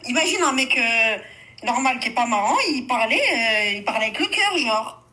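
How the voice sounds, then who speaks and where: A woman caller with a high, bright, sharp voice tells her story casually. She speaks with animation and slips into imitations when quoting others. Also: lively intonation, normal speed, poor audio. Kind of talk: casual retelling of a personal story.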